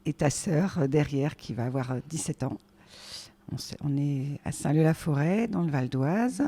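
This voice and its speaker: A woman in her forties, a guest on her son's show, talking casually and hesitantly with many filler pauses. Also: deep voice, warm tone. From France. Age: 40s. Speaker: guest, the host's mother. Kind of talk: casual conversation.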